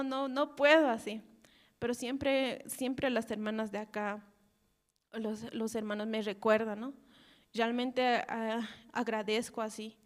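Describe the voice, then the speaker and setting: A woman with a Bolivian Spanish accent giving a personal testimony at a church service, halting and tagging her sentences with little questions. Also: on the high side. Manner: halting, repeats "¿no?" and "así" often, laughs softly.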